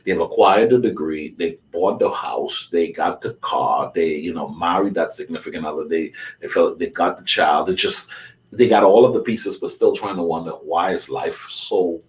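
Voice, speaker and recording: A man's voice: low-pitched, moderate pace, distant mic. A middle-aged man from the Bahamas speaking as a guest life coach, with an earnest, preacherly motivational delivery. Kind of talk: conversational talk show interview.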